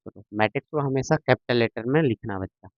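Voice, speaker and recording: A man's voice: mid-range voice, quick pace, no echo. A man teaching a maths lesson to a class, patient and repetitive, often checking that students follow. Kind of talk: classroom lecture. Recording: dull lo-fi sound, dry.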